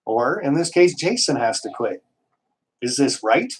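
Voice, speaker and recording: A man's voice: mid-range voice, sing-song, a little slow, husky, rough recording. A man hosting a casual live stream, worked up and emphatic, rambling with restarts and mild swearing, from Canada.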